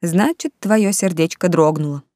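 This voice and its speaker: A woman's voice: fairly low pitch, moderate pace, warm tone, no room sound, lightly acted. A woman voicing a bold, blunt young woman who teases her friend, in a dry close reading. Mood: teasing. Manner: blunt, teasing.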